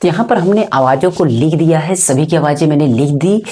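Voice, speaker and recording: A man's voice: fairly high pitch, lively intonation, warm tone. A man teaching as a channel host, explaining step by step, repeating points and often checking that students follow. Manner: repetitive, often checks understanding; spells letters out slowly. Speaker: English teacher.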